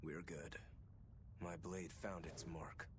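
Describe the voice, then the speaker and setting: A man's voice: deep voice, flat delivery, takes it slowly, background noise. A blunt young swordsman. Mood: calm.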